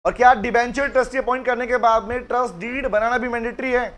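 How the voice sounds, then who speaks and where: A middle-aged man with an Indian English accent teaching a live law class, dictating notes slowly in mixed Hindi and English and calling on students by name. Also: very high voice, steady tone, a bit bright. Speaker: law lecturer.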